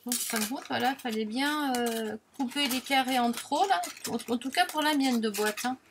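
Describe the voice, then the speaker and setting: Casting: talkative woman, slightly high voice, casual crafting demo, faint table clatter behind. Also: normal speed, background noise. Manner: chatty, self-deprecating, frequent filler tags. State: has the hiccups. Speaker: crafting vlogger.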